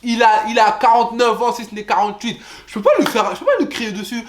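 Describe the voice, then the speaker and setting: A young man with a high-pitched voice tells a storytime straight to camera. He is animated and chatty, and keeps addressing his viewers directly. When he quotes people, his voice leaps up even higher. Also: fast talker. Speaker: vlogger. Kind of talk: storytime vlog.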